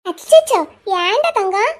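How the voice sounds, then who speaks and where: A gentle young schoolteacher from a cartoon coaxes a little child in a very high, sing-song voice. Her tone stays soothing and sweet. It is cartoon voice acting. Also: brisk. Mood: coaxing.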